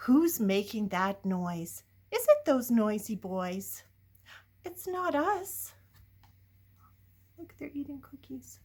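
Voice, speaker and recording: A children's story reader, an older woman, performs a picture book with playful drama, throwing questions to the young audience and shifting from whispers to exclamations. Her slightly high voice has a breathy edge and is very animated, slow, and full of pauses.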